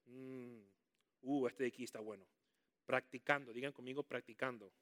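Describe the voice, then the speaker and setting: A man preaching a sermon, animated and calling on the congregation to repeat words after him, with jokey asides. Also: mid-range voice, normal speed. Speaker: pastor.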